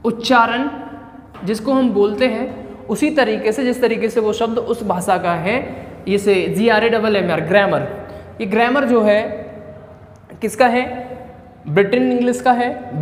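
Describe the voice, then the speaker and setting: A male English teacher giving a classroom-style grammar lesson. He asks himself questions, answers them with a dropped key word, repeats himself and spells words out letter by letter. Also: high-pitched. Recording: echoey room with long reverb, faint background noise.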